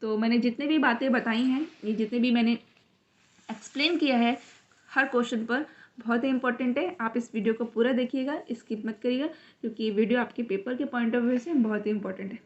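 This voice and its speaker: A woman teaching an online exam-prep lesson, explaining each question step by step and reading the English question text out slowly. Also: a little high, steady tone, muffled recording. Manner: explains step by step, mixes English terms into Hindi.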